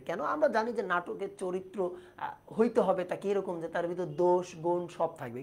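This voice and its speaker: A woman's voice: lowish voice, creaky. Female tutor for a livestreamed exam-prep class: patient, explains step by step, quizzes students, reads their comments aloud. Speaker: teacher.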